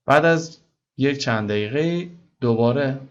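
A man teaching English, reading English lines slowly and translating them briskly. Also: medium pitch, animated. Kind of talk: bilingual reading lesson. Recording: dull lo-fi recording.

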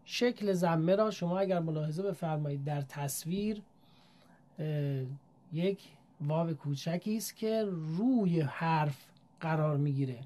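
A woman's voice: low voice, mellow. A woman giving a formal, polite lesson, patiently sounding out syllables one by one as a Quran teacher.

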